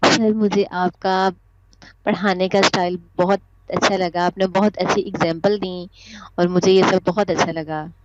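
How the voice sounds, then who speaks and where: A woman's voice: on the low side, fairly even intonation, normal speed. A woman trainee teacher giving polite, deferential feedback to her instructor. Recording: dull line with noise.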